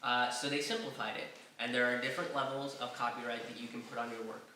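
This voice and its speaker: A man's voice: mid-range voice, fast, a little hiss or hum. A man on a comedy panel, telling stories in a casual way and acting out the dialogue. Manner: animated storyteller acting out dialogue. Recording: echoey room, distant mic.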